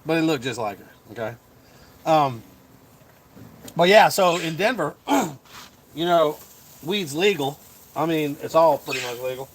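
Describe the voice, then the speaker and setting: A man's voice: on the high side, expressive, measured pace, long pauses, a little hiss or hum. Chatty chuckling male comedian host. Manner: chuckling, full of fillers and restarts. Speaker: comedian hosting a livestream. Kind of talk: casual rambling chat.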